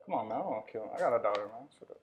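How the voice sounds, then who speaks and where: A man's voice: mid-range voice, expressive, rapid-fire, crowd noise. A man in casual, crude chat among friends, boastful and often laughing. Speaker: co-host.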